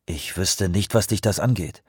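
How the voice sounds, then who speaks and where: A man voicing a gruff, irritable researcher who answers in a curt, unfriendly, muttering way. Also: deep voice, moderate pace, no echo, clean studio sound. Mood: grumbling.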